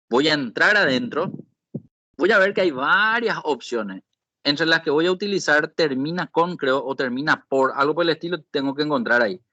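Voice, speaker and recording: A man's voice: a little high, pushed and bright, dry recording. A man teaching an online spreadsheet class, explaining step by step and often checking in with the students. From Paraguay. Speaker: Excel instructor. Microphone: video call.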